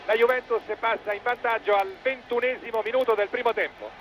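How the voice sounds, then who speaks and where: A man's voice: extremely high pitch, fairly even intonation, fairly quick, a bit bright, a little hiss or hum, low-quality recording. An Italian man giving live football match commentary in clipped phrases, rising with the play, on an old television broadcast.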